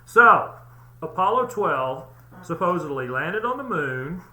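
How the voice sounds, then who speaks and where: A man hosting his own channel, presenting a tongue-in-cheek conspiracy case in a halting, mock-earnest way with lots of fillers. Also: on the high side, sharp tone, echoey room. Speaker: channel host.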